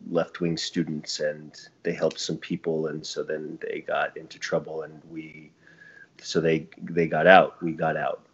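A man's voice: very deep voice, monotone, unhurried, husky. A middle-aged man from Chile, a podcast guest telling a long family story in a rambling way that keeps restarting itself. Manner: rambling, self-interrupting storyteller. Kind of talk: casual podcast conversation. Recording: dull lo-fi audio.

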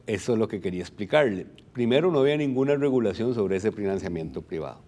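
Speaking quickly in a low-leaning, expressive, mellow voice, a middle-aged Costa Rican electoral registry director is interviewed as an expert guest on television. Recorded on a lapel mic in the studio, he teaches as he talks, asking and then answering his own questions.

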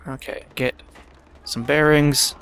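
Gravelly-voiced man narrating his gameplay. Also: a little high. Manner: chatty, self-talking, quick bursts when excited. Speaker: gaming channel host. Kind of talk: casual gameplay commentary.

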